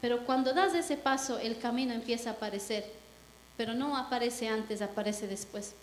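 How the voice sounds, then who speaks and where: A young woman from Ecuador giving a lively testimony to a church congregation, telling her story with acted-out quotes. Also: on the high side, moderate pace. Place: church hall. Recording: echoey hall with long reverb.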